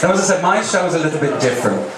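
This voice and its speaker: Campy male drag queen, animated cabaret banter, very reverberant venue, noisy audience. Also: a little high, very fast. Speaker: drag cabaret performer and host. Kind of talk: live stand-up comedy patter with audience banter. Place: live cabaret stage in a music cafe. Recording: echoey live venue, distant mic, loud crowd noise. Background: loud audience noise and laughter.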